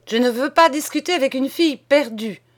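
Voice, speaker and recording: A woman's voice: high-pitched, a little fast, voice pushed up. A woman reading an audiobook, voicing an indignant nun who scolds a maid with pious reproaches. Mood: dignified.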